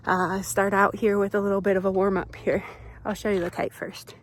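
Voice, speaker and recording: A woman's voice: mid-range voice, level tone, a little fast. A woman chatting casually in a vlog, upbeat and full of fillers, a bit congested from allergies. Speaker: vlogger, triathlete. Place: outdoors on a run, then a kitchen.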